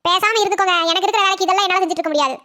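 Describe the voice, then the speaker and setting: A woman voicing a bossy, complaining young wife in a cartoon comedy, talking fast and nagging. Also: extremely high pitch, sharp tone, slight background noise. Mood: irritated.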